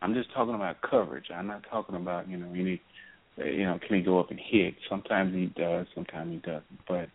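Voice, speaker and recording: A man's voice: low voice, steady tone, quick pace. A man calling in to a radio show over the phone, giving emphatic opinions in casual chat. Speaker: radio call-in caller. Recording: tinny, dry phone line.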